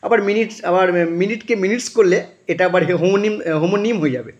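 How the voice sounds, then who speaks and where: A man gives a spoken class, a touch higher in pitch than most men. He explains patiently and spells out words letter by letter. He often pauses on filler sounds while he thinks. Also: lo-fi sound. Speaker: English teacher.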